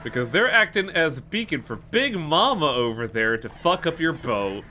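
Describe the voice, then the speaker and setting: A man streaming a game with blunt, sweary, casual commentary. His voice is bright and forceful with animated intonation, and music plays faintly behind it. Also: on the high side, normal speed. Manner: profane, blunt.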